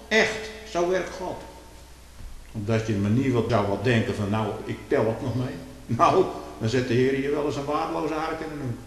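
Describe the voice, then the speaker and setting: A man preaching a sermon, fiery, swinging from quiet murmurs to loud outbursts. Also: medium pitch. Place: church. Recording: echoey church hall with hiss.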